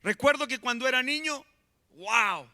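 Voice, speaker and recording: A man preaching a sermon in an animated way, swinging between loud and soft. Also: extremely high pitch, a little slow. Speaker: pastor.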